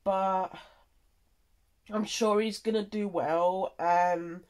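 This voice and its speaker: Worn down and nasally blocked by a cold, a content creator drifts haltingly through a relaxed update. The pitch is medium and the tone is steady, darkish and clean.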